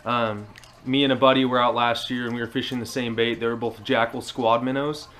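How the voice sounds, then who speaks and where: Speaking quickly in a mid-range voice with little pitch movement, this twentysomething American fishing vlogger walks the camera through a casual how-to in his small living room. The tone is a bit bright, and the action camera sitting at arm's length on a table adds slight hiss or hum.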